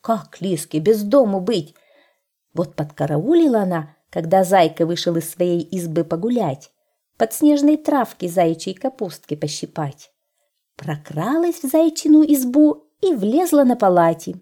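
Slow, expressive woman reading a fairy tale. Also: mid-range voice. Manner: expressive, sing-song. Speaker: storyteller.

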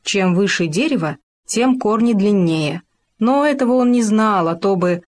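A woman reading a children's story aloud in a lively, expressive storytelling manner. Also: medium pitch, unhurried.

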